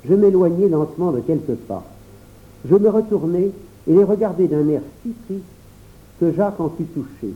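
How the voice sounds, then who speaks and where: Brief: male audiobook narrator, expressive storybook telling, higher voice, phone-quality sound. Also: moderate pace. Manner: expressive first-person telling, voicing every character. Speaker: audiobook reader. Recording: tinny phone-like recording.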